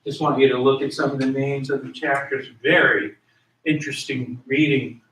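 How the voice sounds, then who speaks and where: A man's voice: mid-range voice, steady tone, moderate pace, a bit bright, roomy sound, slight background noise. A man teaching a class in a conversational way, asking his students questions and repeating key words, recorded in a classroom from far off. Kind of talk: classroom lecture.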